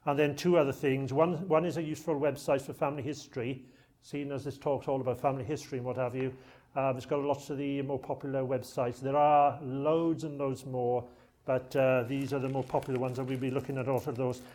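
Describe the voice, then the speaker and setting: Speaking a little fast in a level, darkish mid-range voice, a man originally from South Wales lectures on archives. With his Welsh accent, he gives a chatty, joking public talk to a live lecture-room audience.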